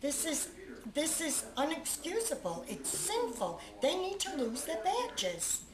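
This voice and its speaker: A woman's voice: sits high, wildly swooping pitch, takes it slowly. A middle-aged woman, the mother of a beaten man, being interviewed and talking indignantly, repeating herself as she describes photos. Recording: roomy with crowd noise.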